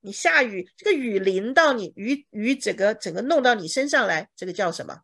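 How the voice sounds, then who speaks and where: Lively woman teaching English in Mandarin. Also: medium pitch, brisk. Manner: explains words in Mandarin, checks with "OK?"; acts out examples dramatically. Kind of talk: bible English lesson.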